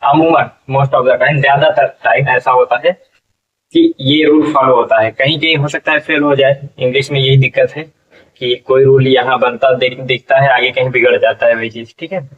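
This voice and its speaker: A husky man with a mid-range voice and steady tone teaches English phonics, breaking words into letters and sounds. He spells slowly, repeating himself and asking "what will it be?" for each word. He sounds a little distant from the mic, and the recording is dull and lo-fi.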